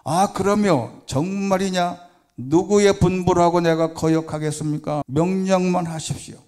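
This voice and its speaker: A man acting out a desperate male church deacon who clings to a tree on a cliff and shouts for help. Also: sits high, measured pace, voice pushed up. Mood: desperate pleading. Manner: shouting, pleading. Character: panicked middle-aged male church deacon hanging from cliff.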